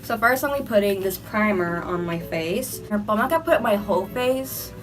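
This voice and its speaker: Filming under hot lights in an indoor room with music in the background, a young woman gives a casual makeup tutorial while fighting a slight cold. As a beauty vlogger, she chats and rambles, leaning heavily on "like." Her medium-pitched voice is expressive and a little fast.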